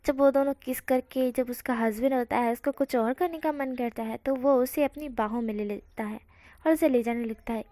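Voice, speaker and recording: Woman narrating a fanfic story, casual, high voice, dry close sound. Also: moderate pace, dark tone, no room sound. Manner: casual, mixing in English words. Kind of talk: reading fan fiction aloud.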